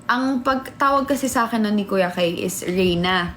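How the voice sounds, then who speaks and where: A young woman vlogger telling a story in casual chat, animated and laughing, acting out what people said. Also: medium pitch, normal speed, a little hiss or hum. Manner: animated, laughing, acts out quotes.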